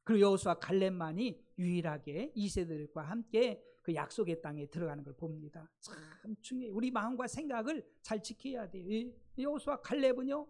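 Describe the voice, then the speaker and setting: A pastor preaches in a relaxed, talking style, leaning hard on key words and slipping into the voices of the people in the story. The voice has a rough, creaky texture and sits at a middle pitch. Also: brisk, few pauses. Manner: conversational, emphatic preaching that acts out quoted speech. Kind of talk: sermon. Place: church sanctuary.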